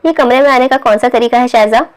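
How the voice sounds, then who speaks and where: A woman's voice: fairly high pitch, fairly even intonation, fast talker, lightly acted. A woman voicing a stiff, irritable young man. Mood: irritated. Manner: irritable, complaining.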